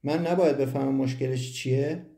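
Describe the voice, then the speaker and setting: A man's voice: medium pitch, steady tone, mellow, natural voice. A man voicing an angry, worried mother in an audiobook. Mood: upset. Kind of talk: audiobook reading. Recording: roomy echo.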